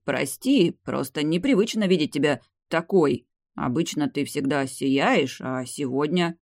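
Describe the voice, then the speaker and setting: A woman's voice: low voice, expressive, a little slow, darkish tone, no room sound, exaggerated voice. A woman voicing a persistent young aristocratic man who keeps pleading with his former lover, in a dry-sounding reading. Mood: earnest.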